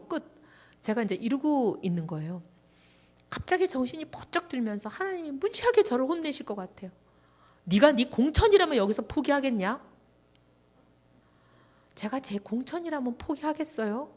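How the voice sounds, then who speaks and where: A middle-aged woman speaking as a guest at a church revival meeting, telling a testimony and acting out prayers and conversations. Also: sits high. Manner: animated storytelling, acting out prayers and dialogue. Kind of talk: testimony sermon.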